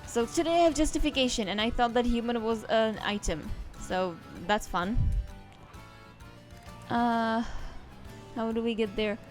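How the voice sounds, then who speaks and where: A chatty woman streamer whose first language is Czech gives casual let's-play commentary, rambling and trailing off into asides. Her voice is fairly high and unhurried, with soft background music behind her.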